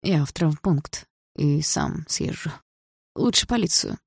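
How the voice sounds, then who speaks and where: A woman reading an audiobook, voicing a slick, scheming stepfather who talks smoothly and menacingly. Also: low-pitched, expressive, takes it slowly, no echo, clean studio sound, full character voice. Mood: wheedling. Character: slick, scheming stepfather, middle-aged man.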